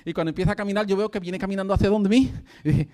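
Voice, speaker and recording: A man's voice: high-pitched, fairly even intonation, very fast, mellow. A man preaching a sermon, telling a story with fervent energy and breaking into laughter. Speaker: pastor.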